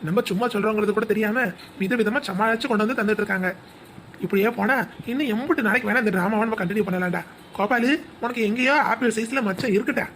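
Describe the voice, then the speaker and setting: A woman's voice: mid-range voice, fast talker, a bit bright, slight background noise, lightly acted. A woman playing a jobless, scheming husband who brags about fooling his family, in a comedy skit. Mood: smug. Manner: boastful, scheming.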